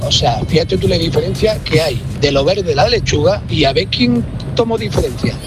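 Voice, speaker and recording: Male caller telling a kitchen anecdote, chatty, fairly high voice over loud music. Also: animated, moderate pace. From Extremadura, Spain. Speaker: radio caller. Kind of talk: phoned-in anecdote.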